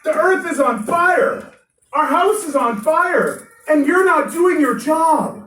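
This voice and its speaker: A woman's voice: mid-range voice, big pitch swings, normal speed, darkish tone, voice pushed up, close to an everyday voice. A woman voicing a fierce, determined teenage girl who scolds grown-ups insistently, heard in a roomy space from a distant mic. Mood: angry. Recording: roomy room, distant mic, faint noise.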